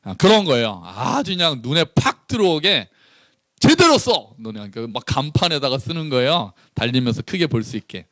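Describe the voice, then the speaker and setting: A man's voice: medium pitch, a bit bright, no echo, studio quality. A man, a pastor, preaching a conversational sermon and acting out dialogue between the characters.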